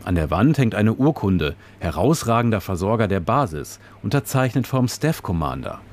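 Man, radio reporter, scripted narration, low voice, measured descriptive delivery. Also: very animated, a little mellow.

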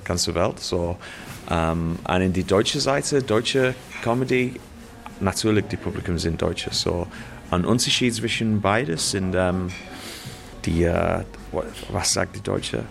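A British comedian whose first language is English, speaking halting German and often stopping to search for words. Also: male voice, low-pitched, gravelly, a little hiss or hum. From Britain. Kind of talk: interview.

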